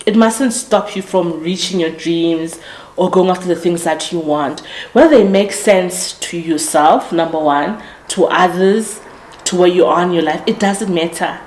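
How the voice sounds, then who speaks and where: Unhurried and darkish in tone, this slightly low female voice belongs to a podcast host in her late twenties giving a casual motivational monologue. She is earnest and reflective, frequently restarting sentences and correcting herself. The recording is rough, with a roomy sound.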